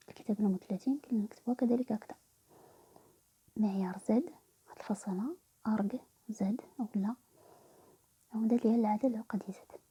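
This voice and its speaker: A woman's voice: mid-range voice, mellow, slightly rough, rough recording. A woman with a Moroccan Arabic accent, whispering a math lesson and explaining each step in turn. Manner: whispers nearly every line, explaining step by step. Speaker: math teacher.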